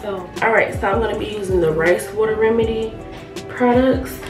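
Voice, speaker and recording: Speaking at a normal pace in a mid-range voice slightly touched by sickness, a young adult woman who vlogs about natural hair gives a casual tutorial to camera, unhurried and repeating phrases for emphasis. She's indoors in a small tiled bathroom, music in the background, and the camera mic sits a short way off, so the sound is distant and roomy.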